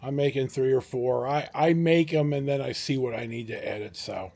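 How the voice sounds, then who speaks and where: A middle-aged vlog host tells his viewers a personal story in a casual, rambling, halting way, using dramatic pauses and emphasis. His voice is medium-pitched, creaky, and darkish in tone.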